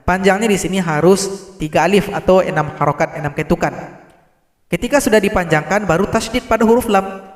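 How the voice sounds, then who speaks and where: A man teaching Quran recitation, explaining pronunciation mistakes and chanting verses slowly in between. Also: on the high side, echoey room. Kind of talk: tajweed lesson with recited examples.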